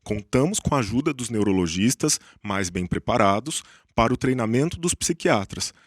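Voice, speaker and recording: A Brazilian man with a mid-pitched voice co-hosts a podcast. His delivery is formal and precise, like a prepared script. The recording is close and dry. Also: animated, normal speed, dry recording. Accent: Brazilian Portuguese. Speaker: psychiatry podcast co-host.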